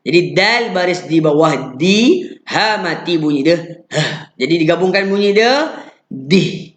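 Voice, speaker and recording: A man with a Malaysian Malay accent teaching Quran pronunciation, patiently drilling syllables and chanting verses slowly. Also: on the high side, animated, echoey room. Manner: chants the verse in slow drawn-out recitation.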